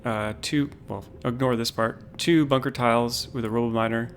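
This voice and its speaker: On a livestream, a man talks through his gameplay in a relaxed, unhurried way, his low-key voice thinking out loud as things unfold. A little hiss or hum is audible.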